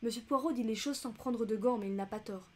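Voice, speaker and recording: A woman's voice: fairly high pitch, a little fast, natural voice. A woman voicing a dignified young countess who speaks with composed, restrained intensity in an audiobook reading.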